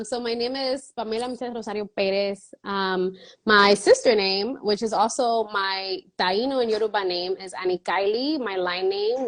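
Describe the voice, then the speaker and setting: Speaking at medium pitch, this Dominican woman in her thirties answers an interviewer at length. She comes across as earnest, slipping little laughs between her phrases.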